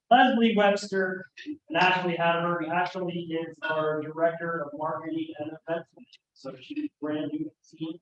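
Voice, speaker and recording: A man introducing his guests at a club meeting, friendly and a little flustered over names. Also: fairly high pitch. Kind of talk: casual introductions. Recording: roomy, dull hall sound with faint noise.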